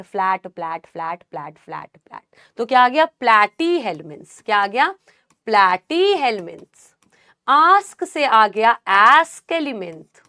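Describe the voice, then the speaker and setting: High-voiced woman teacher drilling slowly. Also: pushed and bright. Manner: slow drilling repetition, addresses students as beta. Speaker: biology teacher. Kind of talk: classroom lecture with a memory trick.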